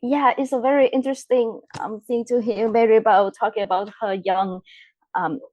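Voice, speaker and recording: A woman composer from Vietnam, speaking in a measured way with frequent ums on a podcast roundtable. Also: fairly high pitch, fairly even intonation, no echo, highs cut off. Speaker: composer guest.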